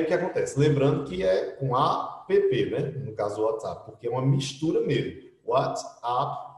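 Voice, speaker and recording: A man's voice: mid-range voice, darkish tone. A middle-aged man with a Brazilian Portuguese accent, teaching an English class online in a chatty, explaining way full of tag questions. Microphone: computer mic in an online class. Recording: roomy echo, speaking from a distance.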